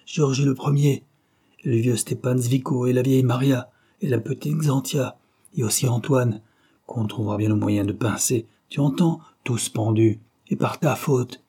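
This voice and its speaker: A man's voice: mid-range voice, moderate pace, dark tone, husky, lightly acted. A man voicing a jealous man who threatens and blackmails a young woman, in a hard, mocking tone. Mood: threatening.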